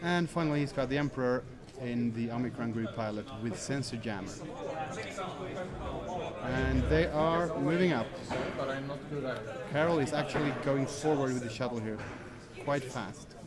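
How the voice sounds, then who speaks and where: Male lead commentator, mid-pitched, brisk play-by-play, crowd chatter under the voice. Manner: brisk play-by-play, reads out fleet lists. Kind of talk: live tabletop game commentary. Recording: crowd chatter of a tournament hall.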